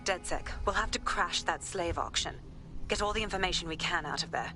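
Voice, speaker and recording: A woman's voice: lowish voice, a little fast, close to an everyday voice. An actress playing a stern, resolute female investigator in video game dialogue. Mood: urgent resolve. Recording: clear music under the voice.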